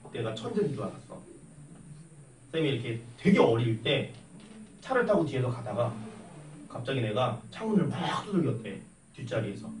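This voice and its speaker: Lively young male teacher in an echoey classroom. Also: medium pitch. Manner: chatty, animated, teasing questions to students. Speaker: math teacher. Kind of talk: classroom lecture with storytelling. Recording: echoey classroom from a distance with faint noise.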